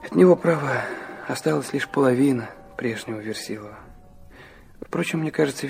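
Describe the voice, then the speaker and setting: In a Russian literary radio drama, an actor voices an earnest young man narrating his confessional memoir. His mid-range voice carries vocal fry and a slight mellowness, and the delivery is reflective and dramatic, with pauses.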